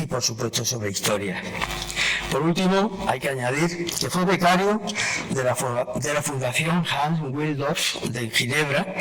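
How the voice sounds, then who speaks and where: A man's voice: mid-range voice, a bit bright. A man, presenting a guest at an award ceremony in a lecture hall, reading a long list with small slips and restarts. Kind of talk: formal ceremonial speech introducing a guest.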